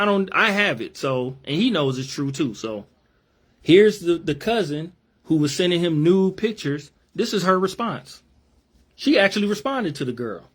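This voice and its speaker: A man's voice: a little high, fairly bright tone. A man reading out messages and commenting on them emphatically, repeating his points in casual slang. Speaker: religious commentator.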